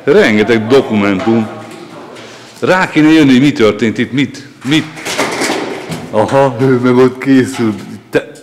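A man's voice: medium pitch, long pauses, noisy background. A middle-aged man giving a curious, chatty running commentary while exploring an abandoned building with his children. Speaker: father exploring with his kids. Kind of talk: casual exploring vlog.

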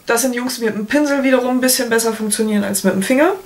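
A woman's voice: on the high side, rapid-fire. A woman in her thirties chatting casually to camera in a product review, with playful colloquial asides. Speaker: beauty vlogger. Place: small room at home, indoors. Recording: clear background noise, clicks.

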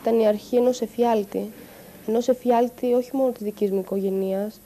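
A woman giving a halting, distressed personal testimony about harassment. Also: fairly high pitch, steady tone, warm tone, a little hiss or hum. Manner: halting, distressed, with pauses and restarts. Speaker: interviewee recounting harassment.

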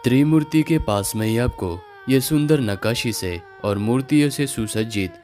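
Guy doing travel vlog voiceover, steady explainer tone, guitar music behind. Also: medium pitch, normal speed. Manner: steady informative narration. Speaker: travel vlogger. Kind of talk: scripted travel guide voice-over. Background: clear guitar music.

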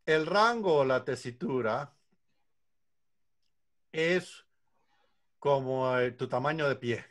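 A man's voice: mid-range voice, lively intonation, slow, long pauses. Older man patiently teaching singing. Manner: patient, explanatory, illustrates with counting and examples. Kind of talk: online lesson on singing. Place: home room with a bookcase. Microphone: video call.

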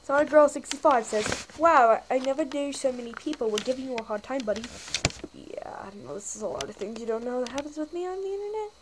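High-voiced young woman reading comments. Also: lively intonation, fast, noisy background. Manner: chatty, giggly, reads comments aloud and answers them. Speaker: channel host. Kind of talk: casual comment-reading vlog.

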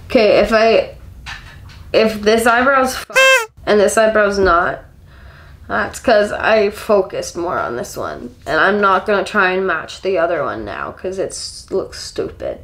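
A woman's voice: mid-range voice, wildly swooping pitch, measured pace, fairly bright tone. A giggly, drunk woman in her twenties rambling casually to camera while doing her makeup. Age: 20s. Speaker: makeup vlogger. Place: small home kitchen, indoors. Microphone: camera a step or two away. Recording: echoey room, camera mic.

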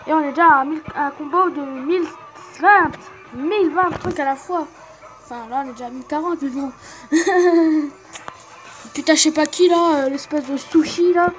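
A high-pitched young woman chatting through her game, laughing often and teasing herself. She talks loosely and casually, with soft game music playing behind her voice. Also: moderate pace, poor audio. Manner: giggly, self-mocking, chatty. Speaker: gaming channel host. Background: faint game music.

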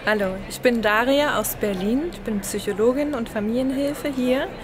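A woman's voice: on the high side, normal speed. A woman, a psychologist, recording a short video question in a busy public place. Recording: noisy indoor public space, loud crowd. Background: loud crowd in a public indoor space.

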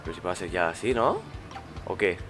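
A man's voice: sits low, moderate pace, over music. A man with a Spanish accent from Spain, commenting on a video game as he plays and reading its dialogue aloud. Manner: excitable, reads game dialogue aloud between loud reactions. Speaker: let's play host. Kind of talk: gameplay commentary.

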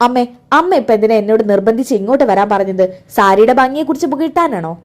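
A scornful young woman snaps her retorts in a raised, quick voice, as a woman storyteller puts her on. She sounds cold and impatient. The voice sits high, and the lines tumble out fast. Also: lively intonation, close to an everyday voice. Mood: puzzled.

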